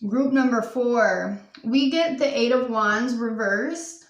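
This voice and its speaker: A woman's voice: a little high, takes it slowly, echoey room, distant mic. A woman giving a pick-a-card tarot reading, earnest and emotional, full of "um" and "like" as she talks. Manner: emotional, earnest, frequent fillers and "like". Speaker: tarot reader.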